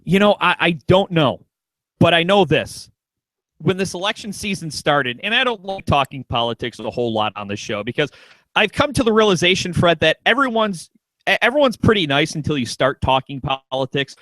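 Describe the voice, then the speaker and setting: A man's voice: on the high side, sing-song, normal speed, a bit bright, no room sound, low-quality recording. A man hosting a talk radio show in casual chat, joking around and restarting his sentences a lot. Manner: joking, lots of restarts and stammers.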